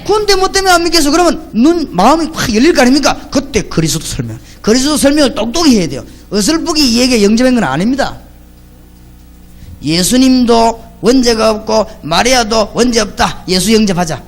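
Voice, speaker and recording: A man's voice: very high voice, sing-song, brisk. A man preaching a sermon as pastor. He tells stories in a colloquial way, hits his points with short emphatic exclamations, and throws rhetorical questions at the congregation.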